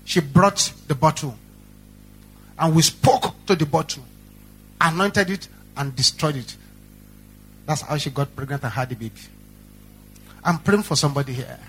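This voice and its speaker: High, bright-voiced Nigerian preacher. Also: male voice, normal speed, long pauses, a little hiss or hum. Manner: animated storytelling with repetition. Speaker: pastor. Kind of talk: sermon.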